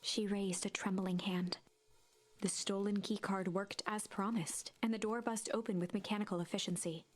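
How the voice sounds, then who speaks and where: A woman giving scripted storybook narration for a video game, in a hushed, suspenseful telling. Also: mid-range voice, fairly even intonation, moderate pace, soft background music, natural voice.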